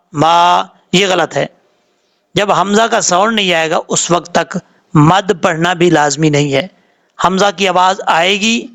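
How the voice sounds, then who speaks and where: Teaching Quran recitation word by word, this Pakistani Urdu-accented man spells out letters and vowel marks slowly, then moves fast through the rules. He has a high, creaky voice with some brightness.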